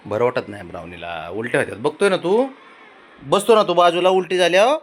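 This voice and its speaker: A man's voice: on the high side, animated, a little fast, a little hiss or hum. A man filming his pets, coaxing and questioning his cat in a sing-song baby-talk voice. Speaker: pet owner filming his cats. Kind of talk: casual pet vlog.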